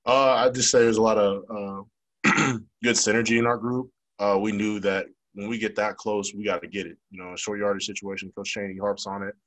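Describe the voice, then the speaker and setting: The young man here, a college football player at a post-game press conference, speaks into a desk microphone on a stand before a logo backdrop. His answers are frank, fast and filler-heavy, delivered in a fairly low, fairly bright voice with a level tone, on a rough recording.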